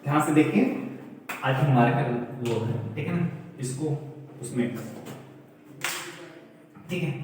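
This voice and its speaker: A man's voice: a little high, slight background noise. A man teaching a math lesson to students, explaining step by step and often checking that the class is following. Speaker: math teacher at a coaching centre. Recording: echoey room, voice from far off.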